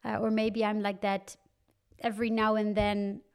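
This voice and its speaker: A young Dutch woman who creates wine content is a guest on a podcast, chatting casually and animatedly with frequent fillers and laughter. Her voice is medium-pitched, smooth and monotone, at normal speed.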